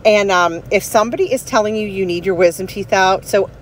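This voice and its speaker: A woman's voice: mid-range voice, brisk, slight background noise. A woman in her forties chatting casually about a personal experience in a rambling, emphatic, conversational way. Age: 40s. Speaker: vlogger.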